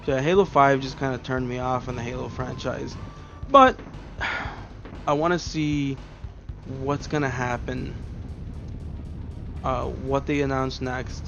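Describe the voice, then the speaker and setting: A man's voice: medium pitch, measured pace, vocal fry, pauses often, a bit bright, muffled recording, faint music behind. Swearing, rambling let's play guy. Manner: rambling, swears a lot, easily frustrated. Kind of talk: casual gameplay commentary.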